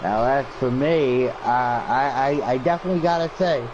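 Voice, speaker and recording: A man's voice: mid-range voice, normal speed, muffled recording, background noise. A man commentating on video game wrestling matches in a brash, boastful, joking manner. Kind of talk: play-by-play commentary in character.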